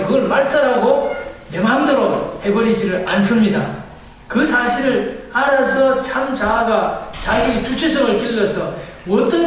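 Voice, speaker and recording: Man, pastor, preaching, asks and answers his own questions, high pitch, distant mic. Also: slight background noise. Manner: asks the congregation questions and answers them himself. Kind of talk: sermon. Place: church sanctuary. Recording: echoey church hall from far off.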